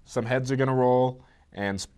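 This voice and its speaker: A man co-hosts a casual sports talk show. His voice sits at a middle pitch, and he speaks in a loose, meandering way, often restarting his sentences as he works through his opinions. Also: moderate pace, smooth. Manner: relaxed, rambling with restarts.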